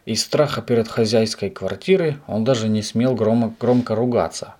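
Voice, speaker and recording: A man reading a children's story aloud as narrator, in a lively, expressive way. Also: lowish voice, normal speed. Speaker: audiobook reader.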